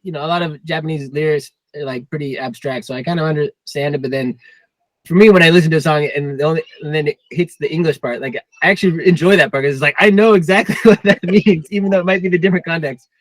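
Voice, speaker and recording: Male band member, fast, slightly high voice, casual podcast chat. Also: dry recording, low-quality recording. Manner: quick, chatty, agreeable.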